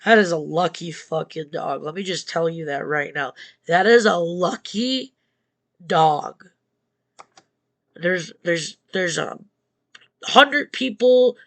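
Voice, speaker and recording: A man hosting a casual reaction stream, talking in a halting, emotional way and swearing often. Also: on the high side, gravelly, fairly bright tone. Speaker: streamer host.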